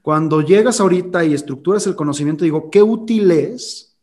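A man's voice: fairly high pitch, fairly quick, darkish tone. A man hosting a casual interview, speaking in an enthusiastic, reflective way. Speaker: host.

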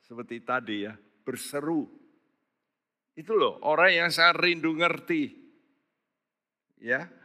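Slow, bright-voiced preacher man in a hall. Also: on the high side. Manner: emphatic, rising to loud exhortation. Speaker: pastor. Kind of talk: sermon. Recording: long hall reverb.

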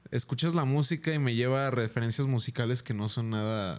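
A man's voice: mid-range voice, brisk. A young man with a Mexican accent, co-hosting a music podcast in laid-back chat full of slang. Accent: Mexican Spanish. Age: young adult. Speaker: podcast co-host. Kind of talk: casual chat.

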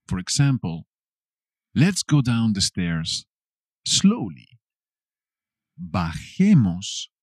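Man, Castilian Spanish accent, language teacher, very slow, dry close sound. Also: lowish voice, darkish tone, dry recording. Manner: slow, deliberate, playful asides. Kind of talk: language lesson for beginners.

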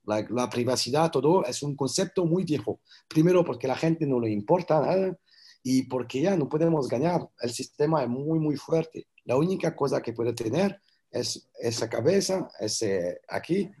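Speaking Spanish as a non-native with a foreign accent, a filmmaker guest talks earnestly in a casual interview, making grammar slips and repeating words while searching for them. He's animated, with a medium, warm, slightly breathy voice at a moderate pace.

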